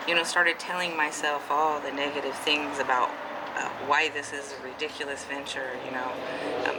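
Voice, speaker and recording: Hesitant woman in her fifties, noisy deli. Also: low-pitched. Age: 50s. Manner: hesitant, many filler ums and restarts. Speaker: artist vlogger. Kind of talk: casual vlog monologue. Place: at a neighborhood deli store, public spot. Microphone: handheld camera.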